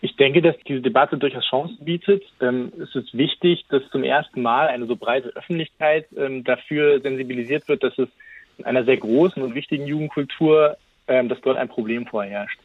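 A man interviewed on the radio as a researcher, answering in a measured way with frequent hesitations. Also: mid-range voice, no echo. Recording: telephone line.

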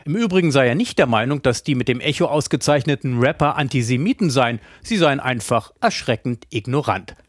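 A man's voice: medium pitch, lively intonation, a little fast, few pauses, no echo, studio quality. A man reading a radio news report in a matter-of-fact way.

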